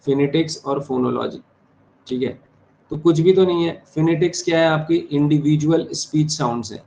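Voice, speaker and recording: A man teaches an exam-prep class, slowing right down to dictate key terms and repeating each one. His voice sits a little high for a man. Faint noise hums in the background. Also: gravelly, dark tone, lo-fi sound. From India. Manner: dictates key terms slowly, repeats them, checks understanding. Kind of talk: online exam-prep lecture.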